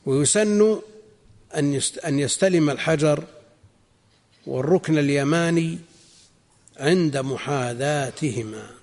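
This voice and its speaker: A man teaching a religious text in a measured, explanatory way, repeating key phrases for emphasis. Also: on the high side, darkish tone, long reverb tail. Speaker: Islamic scholar teaching a text.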